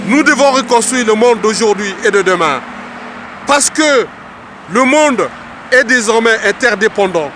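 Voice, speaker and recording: Congolese guy giving an earnest speech, kinda high voice, repeats lines like an orator, street noise all around. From Republic of the Congo. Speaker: political speaker. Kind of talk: political address.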